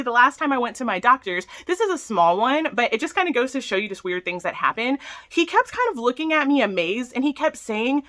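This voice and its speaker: Bright-voiced woman telling personal stories. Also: medium pitch. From Texas. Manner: conversational, many "you know" and "like", frequent laughs. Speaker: vlogger. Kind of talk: personal storytelling to camera.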